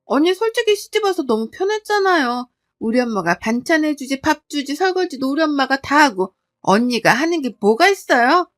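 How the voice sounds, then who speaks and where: A woman's voice: sits high, very animated, fairly quick, few pauses, a bit bright, pitched above the performer's own voice. A woman doing a whiny, defensive sister-in-law. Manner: whiny, argumentative.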